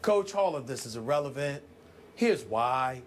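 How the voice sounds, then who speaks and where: A man's voice: mid-range voice, lively intonation, a little slow, slight background noise. A man hosting a heated sports debate, emphatic and dramatic, stretching out key words.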